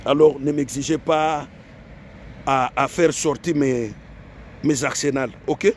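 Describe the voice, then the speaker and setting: A man's voice: medium pitch, steady tone, slow pace, slight background noise. A man from Africa in an emphatic, repetitive monologue to his viewers, full of rhetorical questions. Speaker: online commentator.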